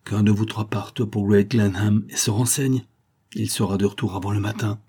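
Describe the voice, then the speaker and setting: A defiant gentleman in danger, voiced by a male audiobook reader argues for his life. The voice is low, dark and husky. He speaks firmly and with indignant urgency, barely shifted from the reader's own tone. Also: level tone, normal speed.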